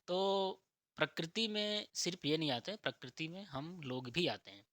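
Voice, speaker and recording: Male spiritual teacher, fairly high bright voice, dry close sound, asks and answers his own questions. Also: lively intonation, unhurried, no room sound. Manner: asks rhetorical questions, answers them himself; keeps checking in with "theek hai". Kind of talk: explanatory talk on spirituality and nature.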